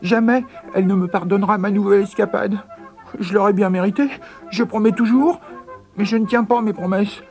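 Pinocchio, a high anxious puppet boy. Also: brisk, darkish tone, soft background music. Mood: fretful. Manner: pleading, anxious. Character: frightened little wooden puppet boy.

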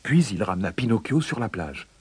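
A man reading a children's fairy tale aloud in an expressive, dramatic way. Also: fairly low pitch, a little fast, slightly rough. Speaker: narrator. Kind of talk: storybook narration.

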